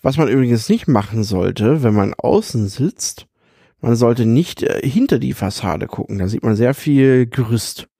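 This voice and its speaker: A man with a gravelly, mellow voice drops in dry, joking remarks during casual chat. Close, dry sound. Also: medium pitch, animated, a little slow, no echo. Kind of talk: casual chat about theme parks.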